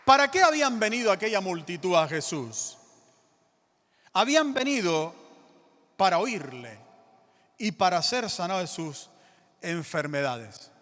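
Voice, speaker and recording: A man's voice: high voice, very animated, unhurried, long pauses, a bit bright. A male pastor preaching a sermon in a church, calling out to the congregation and urging them to answer back. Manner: emphatic preaching with call-and-response to the congregation. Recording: reverberant church hall.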